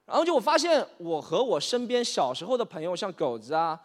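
A man in his thirties from Shanghai doing a stand-up set, animated, slipping English phrases into his talk and acting out characters. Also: sits high, a little fast. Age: 30s. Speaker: stand-up comedian. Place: stage in a hall. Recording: reverberant hall.

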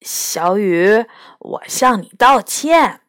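A woman's voice: medium pitch, animated, drawn-out words, fairly bright tone, no room sound, clean studio sound. A woman reading a storybook aloud, voicing a fussy, squeamish schoolboy. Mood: sheepish.

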